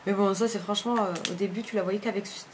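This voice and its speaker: A woman's voice: medium pitch, fairly even intonation, fast talker, slight background noise. Chatty woman. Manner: chatty, rambling, often corrects herself mid-sentence. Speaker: beauty vlogger. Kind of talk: casual makeup review chat.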